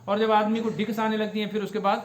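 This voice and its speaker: بلند آواز، گونجتا ہوا کشمیری لہجے والا بزرگ مفتی. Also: male voice, sits high, little pitch movement, reverberant, a little hiss or hum. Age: older. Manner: explanatory, asks the audience questions and repeats Arabic words slowly. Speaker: mufti teaching Quran commentary. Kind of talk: religious lesson.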